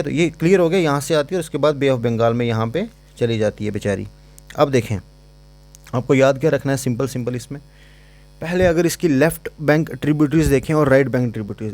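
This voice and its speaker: A man's voice: medium pitch, darkish tone. A man teaching an exam-prep lecture in a casual, chatty way, repeating points and giving memory codes.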